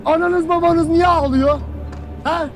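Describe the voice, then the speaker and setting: A harsh, scolding army commander. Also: male voice, extremely high pitch, steady tone, a little slow, faint music behind. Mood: stern. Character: stern male army commander berating sleepy soldiers. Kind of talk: television drama acting.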